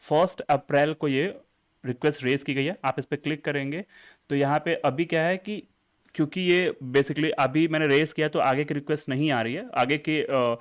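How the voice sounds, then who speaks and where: Man, tutorial presenter, fairly high voice, explains an app step by step, reads screen text slowly. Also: fairly even intonation, clean tone. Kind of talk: screen-recorded app walkthrough.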